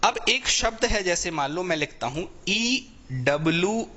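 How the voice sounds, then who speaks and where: एक पुरुष शिक्षक लाइव ऑनलाइन कक्षा में अंग्रेज़ी व्याकरण पढ़ाता है, बात-बात पर "ठीक है भाई" पूछता है और शब्दों को खींचकर बोलता है।. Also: male voice, high voice, lively intonation, unhurried, bright, forceful tone. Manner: repetitive, checks in often with "theek hai bhai". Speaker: English teacher for exam preparation. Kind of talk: live online class lecture.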